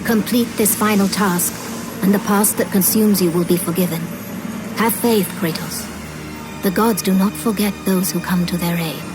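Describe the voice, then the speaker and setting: An actress playing a commanding Greek goddess, speaking in a stately, formal, deliberate way in a video game. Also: female voice, medium pitch, fairly even intonation, music in the background, close to an everyday voice. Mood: reassuring, solemn. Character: regal, commanding Greek goddess of war and wisdom. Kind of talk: dramatic video game acting.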